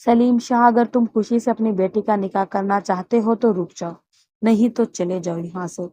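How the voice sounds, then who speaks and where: A woman's voice: mid-range voice, fairly even intonation, mellow, slight background noise, close to an everyday voice. A woman voicing a stern, loving old grandfather who heads the family, with a commanding manner in a dull, muffled recording. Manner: commanding, scolding, then tender.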